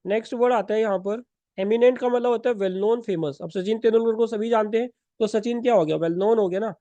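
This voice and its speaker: High-voiced teacher explaining vocabulary. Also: male voice, a little fast, dark tone, dry recording, muffled recording. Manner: explains step by step with rhetorical questions, self-corrects. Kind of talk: exam-prep lesson in Hindi-English mix.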